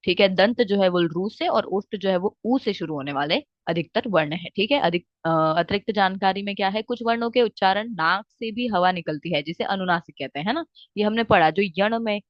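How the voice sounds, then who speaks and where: A woman teaching a lesson, often pausing to check in with "theek hai" and reciting verses slowly. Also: mid-range voice, dry recording. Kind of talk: explaining lesson with Hindi-English mix. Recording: dry, slightly dull recording.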